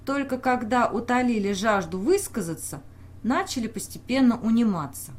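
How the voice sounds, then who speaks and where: A woman reading a novel aloud as an audiobook narrator, in a measured way, and lifting her voice for the shouted lines. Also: fairly high pitch, lively intonation.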